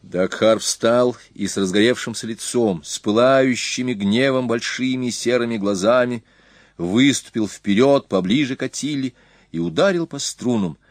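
A man reading an adventure story aloud in measured, expressive narration. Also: medium pitch, dry recording, clean studio sound. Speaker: audiobook reader. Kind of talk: scripted narration.

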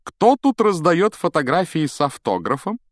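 A man's voice: fairly high pitch, big pitch swings, normal speed, dry recording, clean studio sound, pitched above the performer's own voice. A man voicing a vain, pompous wizard teacher who talks in a grand, sing-song way, in an audiobook. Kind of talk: audiobook character voice.

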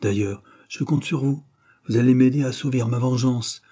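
A man reading aloud, voicing a proud, vengeful young woman with a scornful, sharp delivery. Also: mid-range voice, normal speed, close to an everyday voice.

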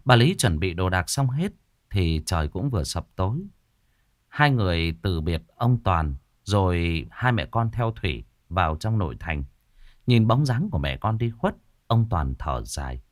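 A man narrating a horror story in a slow, suspenseful storytelling manner. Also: low-pitched, very animated, no room sound, studio quality.

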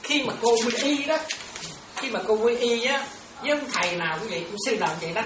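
A woman's voice: a little high, animated, quick pace, noisy background. A woman, a Buddhist nun, giving an informal, chatty dharma talk, laughing often and calling her listeners her children. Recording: roomy, from far off, crowd around.

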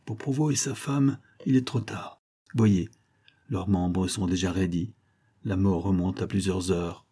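A man's voice: deep voice, fairly even intonation, a little slow, warm tone, breathy edge. A man voicing a distressed middle-aged male witness in an audiobook, speaking in anguished exclamations. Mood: grave. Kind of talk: audiobook character voice.

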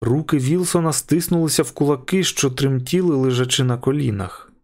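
A man reading a fiction audiobook as narrator in a measured, even storytelling manner. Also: medium pitch. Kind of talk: scripted narration.

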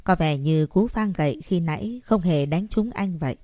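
A woman narrating an audiobook story in a steady, even reading. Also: fairly low pitch, normal speed, no room sound, studio quality.

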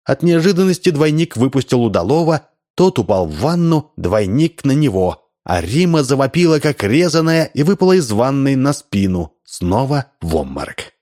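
A man's voice: mid-range voice, moderate pace. Man narrating an audiobook expressively. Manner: lively, expressive storytelling. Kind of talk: audiobook reading.

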